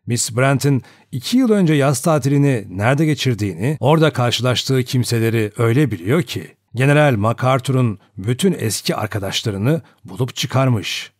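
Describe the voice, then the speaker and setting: A man voicing an elderly judge who speaks in a cold, deliberate and authoritative way, in an audiobook. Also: mid-range voice, animated, no room sound, clean studio sound, lightly acted. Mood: grave. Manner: measured, deliberate. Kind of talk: audiobook character voice.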